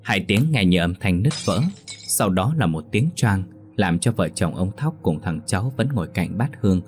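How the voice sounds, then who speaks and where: A man narrating a ghost story slowly and steadily. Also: low voice, animated, faint music behind.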